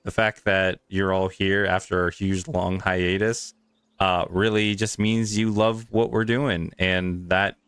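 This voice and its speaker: A man with a smooth, fairly low voice signs off a live tabletop game stream as its game master. He talks in a rambling, grateful way, often restarting his sentences. His voice sits close and dry on the mic. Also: little pitch movement, slow pace, a bit bright, no room sound.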